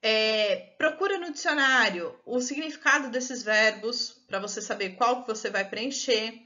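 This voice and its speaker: Brazilian woman teacher, fairly high bright voice, patient step-by-step explaining, muffled lo-fi sound. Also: unhurried. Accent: Brazilian Portuguese. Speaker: English teacher. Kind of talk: recorded online lesson. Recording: dull lo-fi recording.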